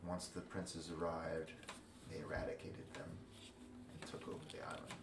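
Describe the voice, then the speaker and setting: A man's voice: very deep voice, completely flat delivery, recorded from a distance. Ancient talking tree, played by a man, grave and portentous, for a fantasy tabletop game; roomy sound with noise. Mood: grave, solemn. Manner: slow, solemn, portentous. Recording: roomy echo, noisy background ambience.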